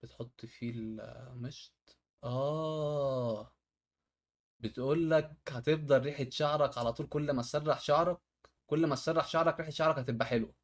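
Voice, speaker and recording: Fast-talking Egyptian man reacting to videos. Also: mid-range voice. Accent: Egyptian Arabic. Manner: amused, exclaims at tricks. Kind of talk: casual reaction commentary.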